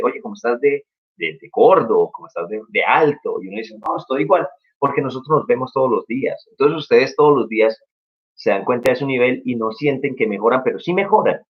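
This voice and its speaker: A young man teaching English in a casual live stream, upbeat and encouraging as he explains step by step. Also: medium pitch. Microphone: live-stream mic. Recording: dull lo-fi stream audio.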